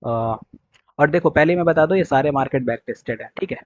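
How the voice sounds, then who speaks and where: A man's voice: a little high, fast talker, no echo, dull audio. A young man teaching trading to his viewers in a blunt, scolding way, often checking that they understood. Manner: scolding, direct, repeats "clear?" and "okay".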